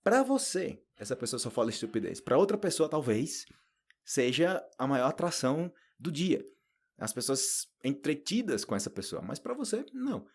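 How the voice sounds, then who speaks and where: Husky-voiced northeastern Brazilian man teaching. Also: moderate pace. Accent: northeastern Brazilian Portuguese. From Paraíba, northeast Brazil. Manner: animated, chatty, acts out quoted people in high voices. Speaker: Portuguese teacher. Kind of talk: unscripted podcast lesson.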